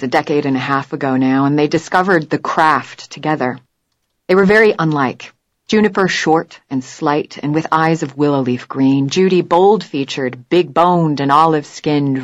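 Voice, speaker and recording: A woman narrating an audiobook in a measured, even storytelling manner. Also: deep voice, no echo. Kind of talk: scripted narration.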